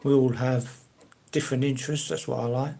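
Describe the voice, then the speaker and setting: A gravelly, dark, mid-range voice with a steady tone belongs to an older South Londoner with a Cockney-ish accent, speaking a little fast. He chats casually with viewers on his own live stream, hesitant and rambling, with plenty of fillers and restarts.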